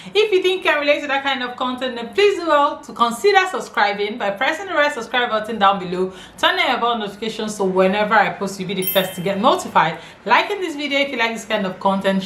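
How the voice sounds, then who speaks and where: A woman's voice: a little high, a bit bright. Female video host, Nigerian accent, emphatic explainer delivery with repeated key phrases, echoey room with faint noise behind. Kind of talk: informal explainer to camera.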